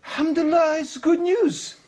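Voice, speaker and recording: A man putting on the high voice of a sly, scheming wife in a joke. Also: normal speed. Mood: sugary sly. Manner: sweet then cutting, high squeaky put-on. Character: sharp-witted scheming wife, woman.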